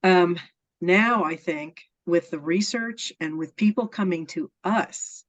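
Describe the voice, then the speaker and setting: A woman's voice: fairly low pitch, slow. A woman being interviewed, telling personal stories in an earnest, enthusiastic way and laughing often. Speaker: interview guest. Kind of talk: casual storytelling interview. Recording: dull lo-fi sound.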